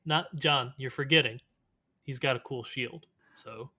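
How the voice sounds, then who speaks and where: A man's voice: medium pitch, unhurried, pushed and bright. A man co-hosting a podcast, bantering in a playful, teasing way in casual chat. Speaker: podcast co-host.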